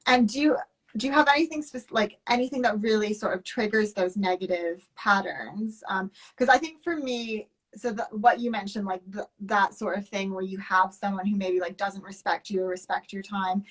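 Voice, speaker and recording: A woman's voice: mid-range voice, normal speed. A woman hosting an interview, asking questions hesitantly with many fillers and restarts. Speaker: podcast host. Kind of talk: interview conversation.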